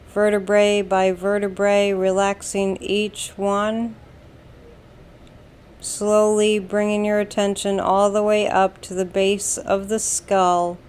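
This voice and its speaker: In a smooth, mid-range voice, an American woman guides listeners through a slow meditation. She gives soothing, calm directions deliberately, leaving long pauses between them.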